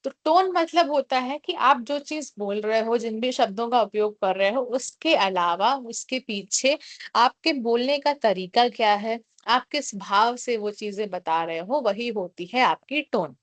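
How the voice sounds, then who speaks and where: A woman teaching a class, explaining each point in Hindi and reading English definitions out slowly. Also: on the high side, dry recording. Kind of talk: classroom lecture.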